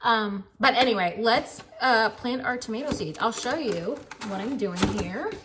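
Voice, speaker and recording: American girl rambling about her garden to the camera, kinda high voice, lots of ums. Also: a little slow, heavy background noise. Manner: chatty and rambling, with many fillers. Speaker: gardening vlogger. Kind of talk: casual chat to camera.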